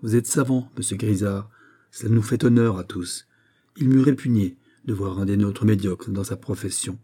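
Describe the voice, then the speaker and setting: A man playing a dying old Jesuit general who speaks sternly and imperiously, with a husky voice. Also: on the low side, normal speed, mellow. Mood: grave.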